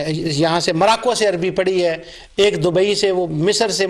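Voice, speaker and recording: A middle-aged Islamic scholar giving a religious lecture, telling anecdotes and stressing his points through repetition. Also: high-pitched. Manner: storytelling, acts out remembered dialogue. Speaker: Islamic scholar and Quran reciter.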